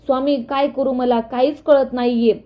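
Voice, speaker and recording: Casual: lady reading a sweet worried young wife, high voice, dull lo-fi sound. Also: steady tone, normal speed, lightly acted. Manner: worried, considerate. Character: caring, hesitant young wife. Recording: dull lo-fi recording.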